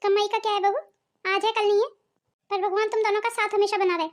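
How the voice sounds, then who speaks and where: A woman's voice: very high voice, little pitch movement, fast talker. Woman doing a patient, pleading cartoon mother-in-law. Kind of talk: cartoon voice acting.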